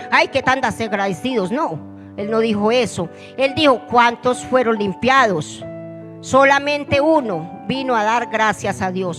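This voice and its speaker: A woman's voice: on the high side, big-room sound. A woman church leader preaching a fervent sermon and putting questions to the congregation.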